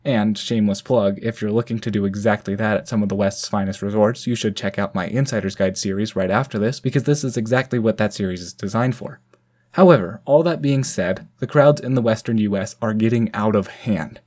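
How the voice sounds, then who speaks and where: A man's voice: lowish voice, a little fast, darkish tone. A man from the United States hosting a channel and narrating a scripted ski review as voice-over. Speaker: channel host.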